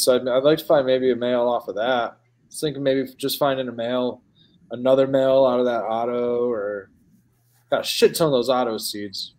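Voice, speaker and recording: A man's voice: medium pitch, a little mellow. Midwestern dude rambling on a podcast, says dude and man a lot, regular mid voice. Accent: Midwestern American. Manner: rambling, filler-heavy, calls people dude and man. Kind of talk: casual chat.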